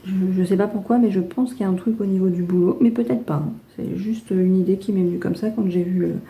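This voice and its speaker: A French woman giving a casual tarot reading, chatty and gentle, with many fillers and restarts. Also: medium pitch, steady tone, fast talker, gravelly, highs cut off. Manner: gentle, reassuring advice. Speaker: tarot card reader.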